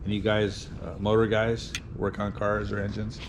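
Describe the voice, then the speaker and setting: A man's voice: lowish voice, monotone, moderate pace. An American man, a flight instructor giving an informal, plain-spoken walk-around explanation of an airplane. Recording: outdoor airfield, clear background noise.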